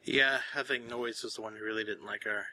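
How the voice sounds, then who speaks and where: A man with a very bright, sharp voice co-hosts an easygoing podcast chat. He rambles along, full of "uh"s, and keeps correcting himself mid-sentence. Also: lowish voice, steady tone, brisk, a little hiss or hum. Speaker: podcast co-host. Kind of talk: casual chat.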